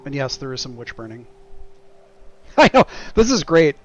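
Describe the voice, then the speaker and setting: A man's voice: medium pitch, very animated, measured pace, muffled recording. Wry man chatting on a livestream. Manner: wry, sweary, sarcastic asides. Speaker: game streamer. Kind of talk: casual livestream chat and game commentary. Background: music.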